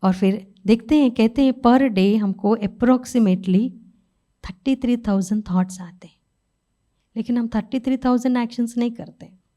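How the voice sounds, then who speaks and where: A middle-aged woman delivers a spiritual talk in a mellow, warm voice. She speaks conversationally, asking her listeners rhetorical questions and quietly acting out how she coaxes her own mind. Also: on the high side, a little slow. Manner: conversational, rhetorical questions, soft acted inner dialogue.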